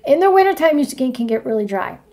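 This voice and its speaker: A chatty woman in her forties with a slightly high voice, talking casually to viewers in a livestream. She rambles from one point to the next and keeps checking in with "right?" and "you know what I mean?". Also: sing-song, fast talker, darkish tone. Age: 40s. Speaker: astrology vlogger showing her makeup routine.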